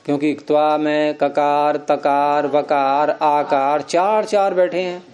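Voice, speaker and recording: A man's voice: on the high side, level tone, takes it slowly, a little mellow. A man teaching Sanskrit grammar, explaining step by step and quizzing his students with questions. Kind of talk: classroom lecture.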